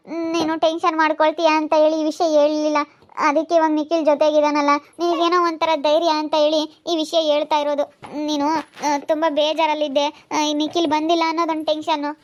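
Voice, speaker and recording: A woman's voice: high-pitched, close to an everyday voice. A woman playing a patient consoling mother. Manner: patient, explaining. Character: older mother consoling her daughter. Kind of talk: amateur family drama skit.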